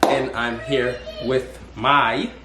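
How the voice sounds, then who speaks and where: Over loud music in an echoey room, a young male interview host speaks in a mid-range voice with little pitch movement and drawn-out words. His casual questions ramble, with restarts and repeated words.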